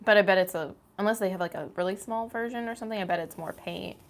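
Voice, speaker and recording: A woman's voice: mid-range voice, quick pace. A young woman co-hosting a live painting stream with her mother, chatting casually and laughing easily. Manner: chatty, reads viewer comments aloud, laughs easily. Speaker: co-host, daughter. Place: home art studio.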